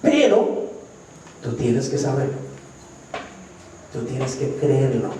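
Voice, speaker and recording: A man's voice: medium pitch, big pitch swings, takes it slowly, noisy background. A man preaching a sermon, emphatically asking the congregation questions and answering them himself. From Colombia. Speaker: pastor. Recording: echoey church hall from far off.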